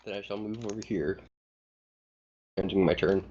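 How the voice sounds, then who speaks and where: Low-voiced player man on a dull line. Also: steady tone, moderate pace, darkish tone. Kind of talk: tabletop game chat.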